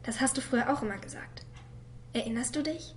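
A woman voicing a quiet, hurt young girl who reads a letter to her father in a soft voice that sometimes drops to a whisper. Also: a little high, fairly quick, slight background noise, close to an everyday voice. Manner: soft and subdued, at times whispered. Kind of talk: voice-over reading of a letter.

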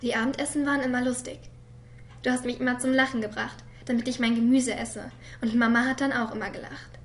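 A woman voicing a quiet, hurt young girl who reads a letter to her father in a soft voice that sometimes drops to a whisper. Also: fairly high pitch, steady tone, brisk, a little hiss or hum, natural voice. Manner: soft and subdued, at times whispered. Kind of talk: voice-over reading of a letter.

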